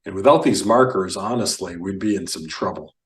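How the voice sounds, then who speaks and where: A man teaching Biblical Hebrew reading, slow and careful, enunciating each word. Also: low voice, echoey room, distant mic, low-quality recording.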